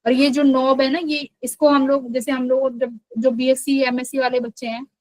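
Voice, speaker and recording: High-voiced woman teaching physics. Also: flat delivery, normal speed, no room sound, rough recording. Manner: patient, explanatory, checks understanding often. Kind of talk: live online class lecture.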